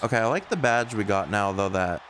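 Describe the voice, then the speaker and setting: A man's voice: on the low side, animated, brisk, fairly bright tone, slight background noise. A man streaming a video game, giving casual commentary and thinking aloud in a conversational way.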